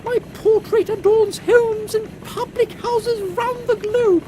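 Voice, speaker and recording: Man doing imperious, very high-pitched Queen Victoria. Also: steady tone, slow. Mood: assured, lofty. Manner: haughty, grandiose, declamatory. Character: imperious, theatrical, excitable Queen Victoria, commanding secret agents. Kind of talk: steampunk audio comedy acting. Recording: loud airship engine noise behind.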